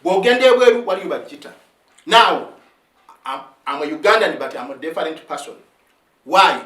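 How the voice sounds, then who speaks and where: A man's voice: a little high, expressive, moderate pace, fairly bright tone, recorded from a distance. A man in his fifties, an army sergeant whose first language is Luganda, gives an impassioned spoken account. He mixes Luganda with English phrases and keeps asking "eh?" of his listeners, with stumbling restarts. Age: 50s. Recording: roomy sound, set back from the mic.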